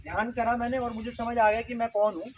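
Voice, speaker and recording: Talking fast in a very high, steady voice, a man runs an interactive mind-power workshop for school students. He keeps it playful and fires questions at the audience, though the sound is lo-fi.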